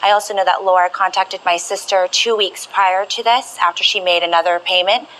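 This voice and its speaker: A woman's voice: mid-range voice, steady tone, brisk, a bit bright, slight background noise, low-quality recording. A woman giving informal testimony as a witness in a TV court.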